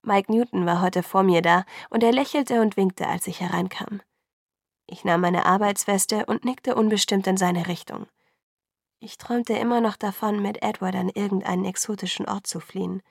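A woman narrating a first-person novel as an audiobook, in a soft, subdued reading. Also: mid-range voice, fairly even intonation, normal speed, creaky, dry recording, studio quality.

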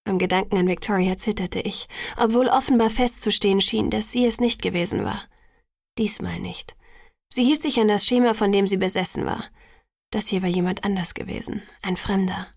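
A woman narrating a novel in the first person in a measured audiobook reading, lightly lifting her voice for the characters. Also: mid-range voice, no room sound, studio quality.

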